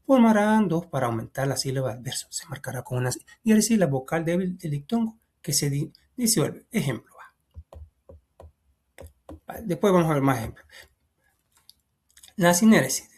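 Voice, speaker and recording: A man explaining a textbook lesson. He talks casually, thinks aloud, keeps saying "va", and counts syllables out slowly, his voice trailing off softly. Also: a little high. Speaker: teacher.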